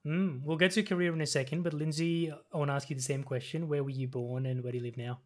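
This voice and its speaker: A man's voice: on the high side, steady tone, quick pace, a little mellow. A man hosting a podcast interview, asking questions in an upbeat, friendly way. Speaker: podcast host.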